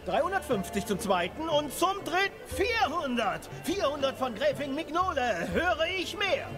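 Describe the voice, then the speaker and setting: A man's voice: very high-pitched, very animated, moderate pace. A man voicing a flamboyant, courteous auctioneer in a video game, calling bids in theatrical, sing-song patter. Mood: excited, showy. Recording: music behind the voice. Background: music.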